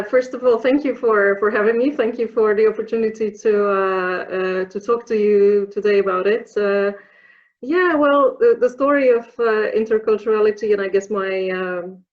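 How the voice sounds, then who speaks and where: A Polish woman in her thirties, an alumna of the program, answers interview questions thoughtfully in a Polish accent, with many fillers and restarts. Her mid-range voice has fairly even intonation and a moderate pace, and the audio sounds dull.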